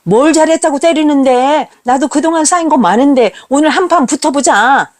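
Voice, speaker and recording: A woman's voice: on the high side, animated, normal speed, a little mellow, close to an everyday voice. A woman voicing an angry, contemptuous teenage son who talks with a sneering, accusing voice.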